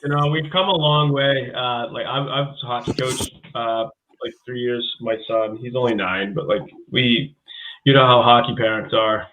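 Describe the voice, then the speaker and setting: A man's voice: mid-range voice, steady tone, moderate pace, background noise. A man who used to coach youth hockey, chatting casually on a podcast in a laid-back way, dropping "dude" and "you know what I mean". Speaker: guest, former hockey coach. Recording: tinny phone-like line.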